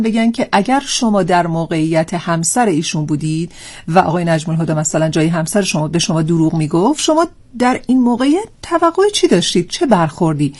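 A woman hosting a live call-in show in a friendly, chatty way, reading out listener texts. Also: medium pitch. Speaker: radio show host.

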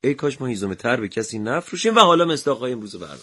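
A man's voice: medium pitch, sing-song, a bit bright, slight background noise. A man hosting a show with bantering, conversational studio presentation. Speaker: radio show host.

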